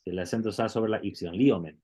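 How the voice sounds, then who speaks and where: A man's voice: on the low side, quick pace, dark tone. A man who teaches Greek in an online class and explains things patiently, step by step, often restarting his words.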